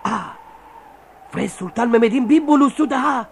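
An actor playing a grumbling, cynical old-world soldier in a radio play, talking in a colloquial way. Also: male voice, very high-pitched, expressive, moderate pace, gravelly, slight background noise, heavily acted. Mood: gossipy, awed. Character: grumbling, cynical Byzantine soldier who admires the enemy.

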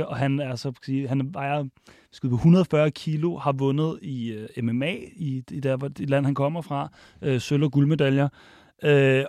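A man guest telling restaurant stories in casual chat, animated, with many restarts and acted-out quotes. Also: mid-range voice, dry recording, clean studio sound. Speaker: podcast guest, restaurant worker. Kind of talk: casual storytelling.

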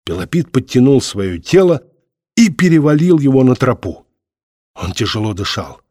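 Male audiobook narrator, measured and dramatic, mid voice, dry close mic. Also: medium pitch, very animated, dark tone, no room sound. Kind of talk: scripted narration.

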